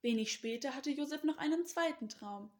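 Woman, children's service leader: higher voice, slow gentle story narration.

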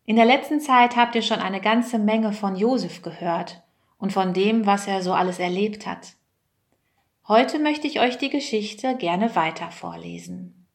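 A woman reading a Bible story aloud to children in a slow, clear voice. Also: medium pitch. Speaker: storyteller, children's choir member.

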